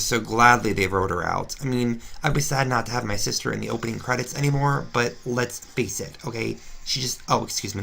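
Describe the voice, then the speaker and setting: A woman's voice: a bass voice, gravelly, a bit bright, full character voice. A woman voicing a brash, gossipy female Flareon reality star, ranting sarcastically in a confessional-style fan drama. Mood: indignant. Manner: indignant, sarcastic ranting with restarts.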